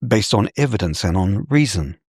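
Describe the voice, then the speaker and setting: An older male scholar from New Zealand, giving measured, professorial answers in an interview. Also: lowish voice, expressive, a little mellow, slightly rough, no echo, clean studio sound. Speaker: scholar guest.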